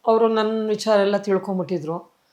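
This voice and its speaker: A woman's voice: mid-range voice, fairly even intonation, fairly quick, a little mellow. A middle-aged actress, telling her life story emotionally in an interview and acting out what others said. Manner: tearful storytelling, acts out quoted dialogue.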